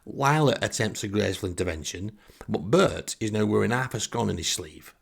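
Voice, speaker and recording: With a fairly low, creaky voice and a breathy edge, this Northern English man, a host and storyteller from the north of England, spins funny stories about himself. He's expressive and moves at a moderate pace, wry and self-mocking with theatrical flair.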